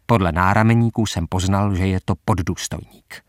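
A man narrating a story aloud in measured, even first-person storytelling. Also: sits low, no echo, clean studio sound. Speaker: audiobook narrator.

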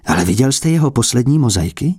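A man's voice: medium pitch, very animated, a little mellow, slightly rough, no room sound, studio quality. A man voicing a courteous male art collector who pleads with an old abbot in a polite, earnest, coaxing manner.

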